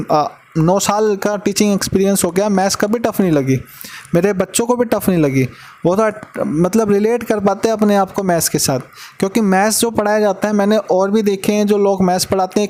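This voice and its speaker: A man's voice: sits high, darkish tone. A man teaching maths in a casual way, giving advice to students like an older brother and repeating words for emphasis.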